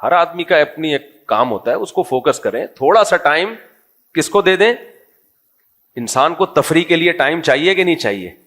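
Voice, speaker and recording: A man's voice: on the high side, animated, a bit bright. A middle-aged man, a religious scholar, giving a humorous, conversational religious talk and quizzing his audience.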